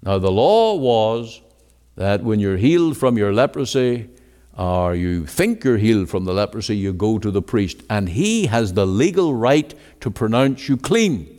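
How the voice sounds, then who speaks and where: A man preaching an evening gospel sermon in a church meeting, emphatic, rising to exclamations and then dropping low. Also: lively intonation, a little slow, dark tone. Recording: long reverb of a large hall.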